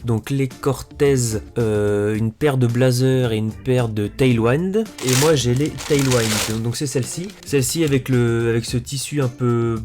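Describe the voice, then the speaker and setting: A man's voice: medium pitch, unhurried, few pauses. Guy vlogging about his stuff, lots of ums and restarts, kinda stumbly, faint music under it. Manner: hesitant, full of fillers and self-corrections. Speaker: sneaker vlogger. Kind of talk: casual show-and-tell.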